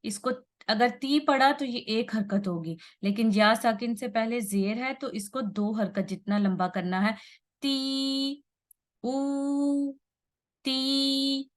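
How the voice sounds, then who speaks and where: A woman's voice: medium pitch, normal speed, few pauses. A woman teaching Quran recitation rules. She explains patiently, draws out vowel sounds to show their length and checks in often with her listeners. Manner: patient, repeats and stretches sounds, checks in with "theek hai". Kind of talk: slow tajweed lesson at a whiteboard.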